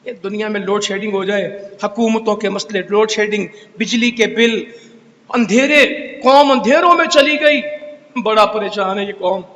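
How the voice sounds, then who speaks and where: A man's voice: sits high, normal speed, fairly bright tone. A man preaching a Friday sermon in a mosque, scolding and exhorting with rhetorical questions. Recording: echoey hall reverb.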